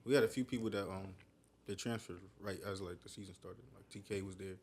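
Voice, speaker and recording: A young man from Connecticut, a guest on a podcast, chatting casually about his basketball past in a relaxed, slangy way. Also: low-pitched, fast talker. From Connecticut, USA. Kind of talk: casual conversational interview.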